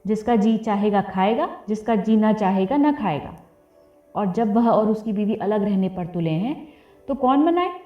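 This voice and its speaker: A woman voicing a proud, sharp-tongued older village aunt who talks curtly and scolds. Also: mid-range voice, lively intonation, measured pace, close to an everyday voice. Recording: tinny phone-like audio, roomy, faint music.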